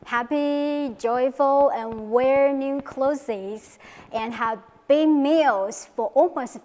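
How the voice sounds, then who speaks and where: A woman from Taiwan with a Taiwanese accent, a Chinese instructor speaking careful, halting English in an interview. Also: high voice, a little mellow, big-room sound.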